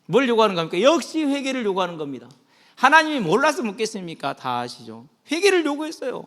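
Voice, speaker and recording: A male pastor delivers an animated sermon, his delivery swinging from hushed and low to loud and high. His voice is high and bright, with a lively, rising and falling pitch. The sound carries a long reverb from the church hall. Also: fast. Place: church sanctuary.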